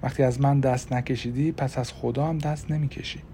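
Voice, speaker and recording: A man voicing a steady young husband in an audiobook, speaking gently and reassuringly. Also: medium pitch, slight background noise, natural voice. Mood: tender. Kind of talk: audiobook character voice.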